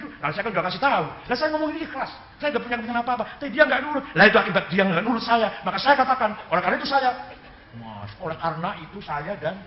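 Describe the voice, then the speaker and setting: A man giving a religious lecture in with a light tinge, animated and joking, acting out dialogues and quoting Arabic. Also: very high-pitched, a little hiss or hum. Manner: animated, mimics dialogue for humor, quotes Arabic. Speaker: Islamic cleric lecturing. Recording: echoey, slightly muffled hall recording.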